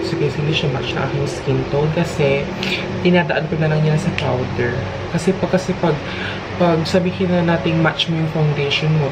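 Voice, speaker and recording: A woman with a Filipino accent chatting casually and informally as a beauty vlogger giving a makeup tutorial. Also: deep voice. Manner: informal, chatty, code-switching. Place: small hot bedroom. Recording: steady electric fan noise. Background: electric fan running nearby.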